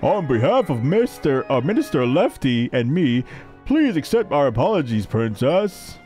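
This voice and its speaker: Low-voiced formal general played by a man, gruff and stiff. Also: very animated, moderate pace, dark tone, soft background music.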